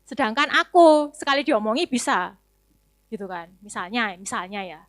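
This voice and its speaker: A woman's voice: fairly high pitch, lively intonation, normal speed, a bit bright, no room sound, studio quality. A young adult woman giving a chatty, conversational sermon testimony at a youth service, full of casual fillers. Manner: chatty, casual, many fillers and tag words.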